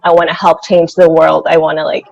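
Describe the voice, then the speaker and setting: A senior financial analyst from Venezuela, a woman in her thirties, answers an interviewer in an informal, chatty way, using "like" constantly. Her low voice is gravelly yet a little mellow, with a level tone and a brisk pace. The sound quality is lo-fi.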